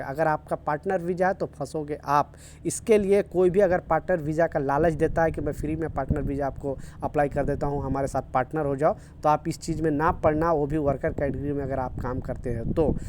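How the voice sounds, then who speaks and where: A man's voice: fairly high pitch, a little mellow, slight background noise. Earnest man explaining visa news. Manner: earnest, repetitive, urging viewers. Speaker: news vlogger for workers in the UAE.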